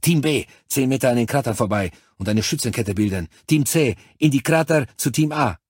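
A man voicing a gruff male sergeant who shouts clipped military orders at his troops. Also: medium pitch, animated, fairly quick, no room sound, studio quality, voice pushed up. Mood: commanding.

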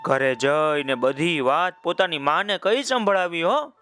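A man narrating a children's folk tale in a lively, folksy way, with chatty asides to his listeners. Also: on the high side, a little slow, soft background music. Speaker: storyteller.

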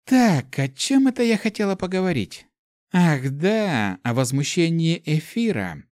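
A man voicing a hot-tempered dragon elemental in the form of a young girl, shouting and swearing. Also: a little high, very animated, unhurried, no echo, clean studio sound, pitched above the performer's own voice. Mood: bratty.

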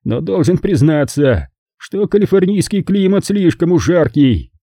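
Man voicing a haughty rough-voiced German count. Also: a little high, very animated, unhurried, warm tone, no echo, studio quality, pitched above the performer's own voice, heavily acted. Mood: lazy. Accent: slight German. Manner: lazy, condescending, teasing. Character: bald, heavy, haughty German count, mocking.

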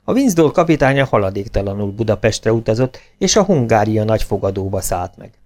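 A man's voice: on the low side, very animated, a little mellow. A man reading a children's storybook aloud as narrator, dropping his voice for speech tags. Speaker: audiobook reader.

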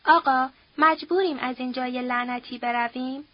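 A woman's voice: high-pitched, fairly even intonation, highs cut off, lightly acted. A woman reading an audiobook, voicing a frightened young village boy who pleads and refuses reluctantly.

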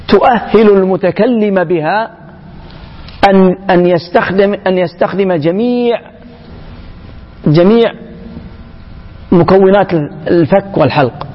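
A man giving an emphatic public lecture to young people, often pausing and restarting mid-phrase. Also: sits high. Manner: emphatic, halting, with frequent restarts. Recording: echoey hall, dull lo-fi sound.

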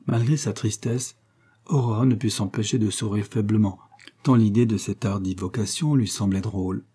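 A male audiobook narrator reading a classic novel in a measured, even way. His low voice sounds mellow and somewhat husky. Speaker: audiobook reader. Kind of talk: scripted narration.

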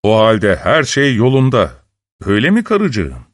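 A man voicing Bluebeard, a cruel nobleman who growls and speaks slowly and threateningly. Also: lowish voice, huge pitch swings, no room sound, clean studio sound, exaggerated voice. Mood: cold. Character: menacing cruel male nobleman, older.

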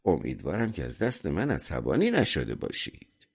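A man voicing a clever young farmhand in a folk tale audiobook, speaking calmly and slyly. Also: rumbling low, vocal fry, breathy edge, pitched below the performer's own voice, exaggerated voice.

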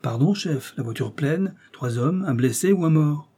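A man's voice: a little high, lively intonation, normal speed, dark tone, slightly rough. A man reading aloud and voicing a dutiful male police agent reporting earnestly to his chief.

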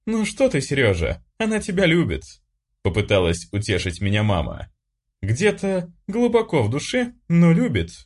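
Man doing a gentle, amused mother. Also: on the high side, wildly swooping pitch, normal speed, slightly rough, voice pushed up, heavily acted. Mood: soothing. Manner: soothing, holding back laughter.

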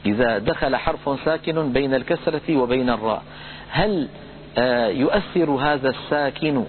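A man giving a recitation lesson, explaining pronunciation rules in a calm lecture and chanting example words slowly. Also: mid-range voice, slight background noise. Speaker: Quran recitation teacher. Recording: tinny phone-like lo-fi audio.

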